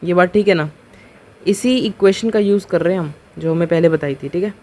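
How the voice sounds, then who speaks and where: In this board lecture, a maths teacher with a high voice and darkish tone works through a proof one step at a time. He slows on key terms, poses rhetorical questions, and patiently checks that his students are keeping up.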